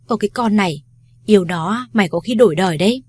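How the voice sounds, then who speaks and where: A woman voicing Ly, a brash, foul-mouthed young woman who bosses her friend around loudly. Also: medium pitch, fast, slightly rough, no room sound, clean studio sound, lightly acted. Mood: teasing. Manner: loud, bossy, swears freely.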